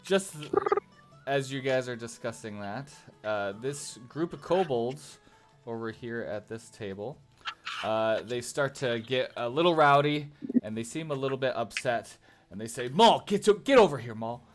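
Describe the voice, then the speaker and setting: A man's voice: medium pitch, measured pace, soft background music. A man narrating casually as game master of a tabletop game, with many fillers.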